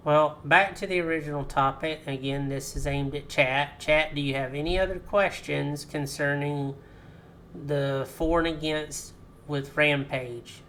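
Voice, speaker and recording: A man's voice: on the high side, steady tone, measured pace, a bit bright, slight background noise. A man on a podcast, talking practically in casual chat and steering the topic back to questions from chat.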